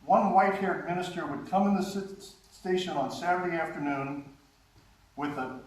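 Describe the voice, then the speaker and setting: A guest speaker who once wrote for radio and TV gives a storytelling lecture with slides at a live conference, his voice sitting high. He chuckles often, tells anecdotes, and restarts sentences haltingly. The distant mic picks him up in a very echoey hall with faint hiss.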